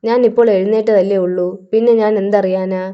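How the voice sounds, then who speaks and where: A woman's voice: medium pitch, steady tone, brisk, smooth, muffled recording, lightly acted. A woman voicing a frightened, desperate young woman in a storybook crime tale, anxious and pleading.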